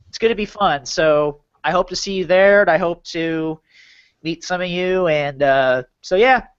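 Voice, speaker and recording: A man's voice: on the high side, smooth. A man hosting a casual podcast, rambling along and often repeating or restarting his phrases. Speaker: podcast host. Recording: dull lo-fi audio.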